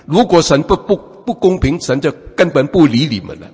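A man preaches a sermon with a lot of repeated fillers and restarts. His voice is slightly husky and sits a little high for a man, swinging widely in pitch as he preaches. A long reverb trails behind him, as in a large hall. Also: expressive, fairly quick, darkish tone.

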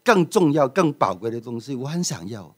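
A man's voice: mid-range voice, sing-song, a little fast. A man voicing a wise, humble young male kung fu disciple who speaks earnestly.

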